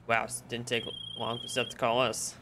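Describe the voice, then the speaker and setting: A man's voice: medium pitch, monotone, moderate pace, heavy background noise. A young man streaming, chatting casually and rambling with lots of fillers. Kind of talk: casual chat.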